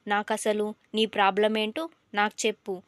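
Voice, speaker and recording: A woman's voice: mid-range voice, completely flat delivery, moderate pace, no room sound, close to an everyday voice. A woman voicing a patient, flustered middle-aged male exam invigilator who coaxes a crying student. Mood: coaxing. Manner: coaxing, fatherly.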